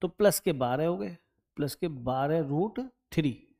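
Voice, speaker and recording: A male maths teacher works through an exam problem out loud, muttering and humming as he checks his sums. He talks to his students directly and often asks them to confirm each step. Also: on the high side, animated, measured pace. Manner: thinks aloud while calculating, humming and checking numbers; chatty, addresses students directly and keeps asking "right?".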